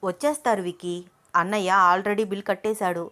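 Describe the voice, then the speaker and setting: A woman's voice: medium pitch, steady tone, fairly quick, a bit bright, close to an everyday voice. A breezy, reassuring young sister in a storybook romance, as a female narrator reads her. Light and easy, close to the narrator's own voice.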